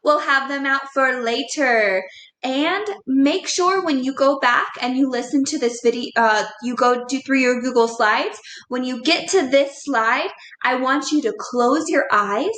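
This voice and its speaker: A woman's voice: sits high, measured pace, a bit bright, roomy sound, a little hiss or hum, poor audio. A woman teaching a second grade phonics lesson, encouraging and spelling words out letter by letter. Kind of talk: recorded classroom lesson.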